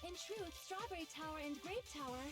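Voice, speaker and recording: A woman's voice: very high-pitched, expressive, fairly quick. A woman voicing a regal young princess, reading game lines in a formal, stately way. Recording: music playing behind.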